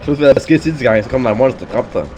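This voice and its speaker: A man playing a game with a friend in a laid-back, joking way, quick to apologize. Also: mid-range voice, noisy background. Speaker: co-player. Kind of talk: casual gaming chat.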